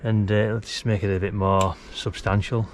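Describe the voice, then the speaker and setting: Outdoors beside a brick house wall, a middle-aged British man demonstrates installing an antenna mast for his DIY vlog. His voice is fairly low and level at a moderate pace, with background noise, as he rambles casually and mutters asides while working.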